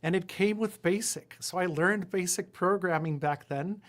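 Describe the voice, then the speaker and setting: He's a man in his forties from Puerto Rico, a lawyer and entrepreneur whose native language is Spanish, speaking as a guest in casual interview conversation. With a fairly high pitch and moderate pace, he rambles, uses lots of fillers, and slips in self-deprecating remarks.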